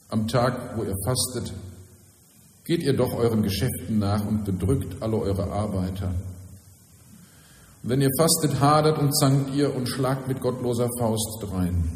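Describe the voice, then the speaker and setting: A man's voice: medium pitch, darkish tone. Man preaching in an echoey church. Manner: solemn declaiming reading, then plain conversational preaching. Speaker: pastor. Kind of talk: scripture reading and sermon. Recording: echoey church, long reverb.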